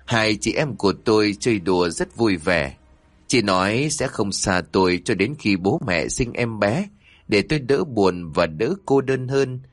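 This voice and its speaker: A man narrating a scripted horror story in a dramatic, expressive way. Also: on the low side, a little slow, no echo.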